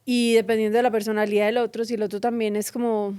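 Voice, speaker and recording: A woman's voice: fairly high pitch, little pitch movement, fast, darkish tone, clear, resonant tone, no room sound, clean studio sound. A woman hosting a podcast, chatting casually and relating her own examples. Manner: conversational, relates personal examples. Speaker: podcast host. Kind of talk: casual chat.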